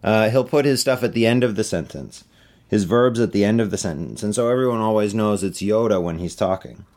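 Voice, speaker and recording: A middle-aged man, an author, answering interview questions in a relaxed, chatty way with many fillers. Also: lowish voice, a little fast. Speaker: author on book tour.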